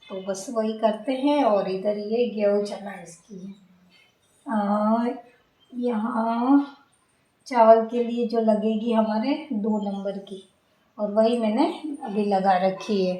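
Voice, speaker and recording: A woman's voice: medium pitch, fairly even intonation, takes it slowly, dark tone. A young woman, chatting casually at home as she explains her household chores step by step. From India. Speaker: vlogger. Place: home, indoors.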